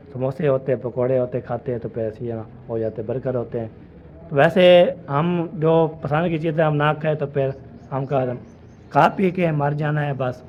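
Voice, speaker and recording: This medium-pitched male voice comes through lo-fi with a little hiss or hum. He's walking outdoors in sweltering village fields, filming a casual family vlog on his phone, rambling as he repeats the same filler phrases.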